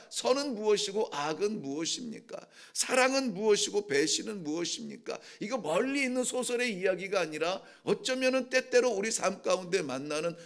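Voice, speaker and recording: A man preaches an early-morning sermon with a high, gravelly voice. His talk is conversational and earnest, and he slips into the voices of the people who plead in his text. The rasp of his high voice runs through every line. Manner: conversational preaching that acts out heartfelt pleas in voices. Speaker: pastor.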